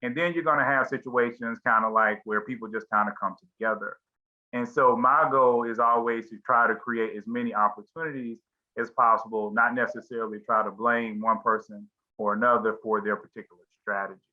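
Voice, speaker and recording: A man's voice: medium pitch, steady tone, a little fast. A middle-aged man hosting a group discussion on a video call, talking casually and rambling with many fillers and restarts. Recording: slightly dull lo-fi call audio.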